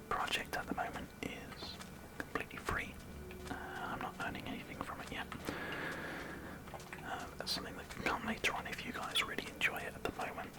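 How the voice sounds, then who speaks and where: A British man whispering breathily in an ASMR gaming commentary, softly repeating phrases as he goes. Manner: soft, slow repetition of phrases. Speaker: gaming video host.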